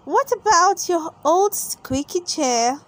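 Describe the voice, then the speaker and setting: A woman's voice: very high voice, lively intonation, slow pace, a bit bright, pitched above the performer's own voice, exaggerated voice, poor audio. A woman voicing an eager, cheeky little girl pig in a children's storybook. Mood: helpful. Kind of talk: children's storybook read-aloud.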